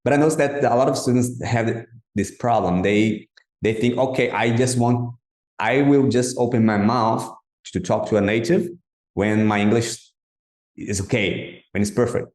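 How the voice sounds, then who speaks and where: A man's voice: mid-range voice, normal speed, darkish tone. A male podcast host from Brazil, a native Portuguese speaker, with a Brazilian accent, talking in a hesitant way and repeating words as he looks for the phrasing. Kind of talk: casual interview. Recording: roomy echo.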